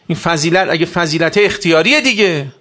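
A man preaching a sermon to a religious gathering, asking rhetorical questions and rising sharply in pitch and volume. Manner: rhetorical questions, sudden loud rises in pitch.

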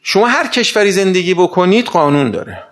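A man's voice: high voice, lively intonation, a bit bright. A man giving a conversational lecture, asking rhetorical questions and telling anecdotes. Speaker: speaker giving a talk.

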